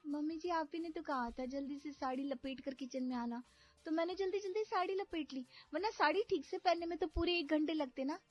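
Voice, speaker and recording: A woman's voice: high-pitched, fairly quick, voice pushed up, close to an everyday voice. A woman voicing a naive, literal-minded young bride who talks in a sweet, innocent, chatty way in a cartoon story. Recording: slightly dull audio with background music.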